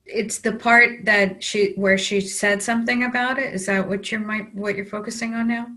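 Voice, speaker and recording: A woman practitioner guiding a tapping session, calmly giving phrases for the client to repeat. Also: medium pitch, moderate pace. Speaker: EFT practitioner.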